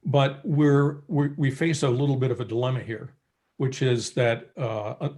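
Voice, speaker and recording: A man on a group video call, a commission member giving measured remarks at a public meeting, with frequent filler pauses. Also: mid-range voice, steady tone, darkish tone. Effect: heard over a group video call.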